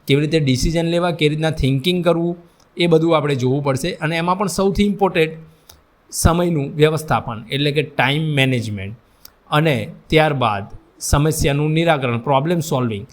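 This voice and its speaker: A man's voice: fairly high pitch, a little fast. A man giving a lecture on employability skills, addressing his students directly and mixing English terms into his explanations. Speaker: vocational instructor. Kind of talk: classroom lecture.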